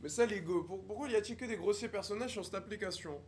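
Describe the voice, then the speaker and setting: A young man livestreaming on a video chat app improvises a roleplay with strangers, acting as a haughty, snobbish posh young man who mocks them in affected formal speech. His voice is high, fast and natural, with a little hiss or hum.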